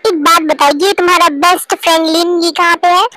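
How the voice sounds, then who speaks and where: A lively young student who whines at her mother and her friend, performed by a woman in a fan dub. The voice is very high, and a faint hiss sits behind it. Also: brisk. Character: shy young female college student. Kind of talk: amateur Hindi fan dub.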